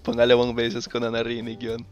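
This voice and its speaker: A man in his twenties from Canada chatting casually in choppy, deliberate phrases, with a non-native Tagalog accent. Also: mid-range voice, monotone, lo-fi sound, faint music behind. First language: English. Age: 20s. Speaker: video maker talking with strangers online. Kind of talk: casual chat.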